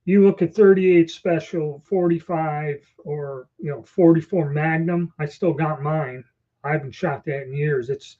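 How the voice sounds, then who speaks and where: Mellow, dull-sounding man with slightly impeded speech. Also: on the high side. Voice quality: slightly impeded speech from new false teeth. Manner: rambling, conversational. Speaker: livestream host. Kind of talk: casual livestream chat answering viewers. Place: small storeroom or office, indoors. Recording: dull lo-fi livestream audio.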